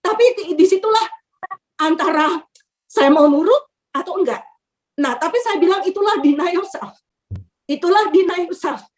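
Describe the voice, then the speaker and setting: An older woman on a video call sharing an animated personal testimony, acting out prayers and laughing as she tells it. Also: very high-pitched, normal speed, long pauses, a little hiss or hum. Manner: animated, acts out prayers, laughs and hesitates often. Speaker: church member sharing a testimony.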